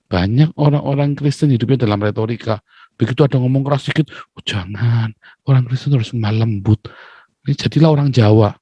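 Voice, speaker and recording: A man preaching a sermon in a lively, joking way, often calling his listeners brothers and sisters. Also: on the low side, no room sound, lo-fi sound.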